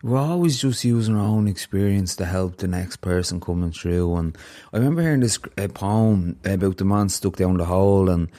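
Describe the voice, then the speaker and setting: This podcast host has a deep, mellow voice and talks at a normal speed. In a reflective conversation with his guest, he is heartfelt and earnest, telling a parable at great length.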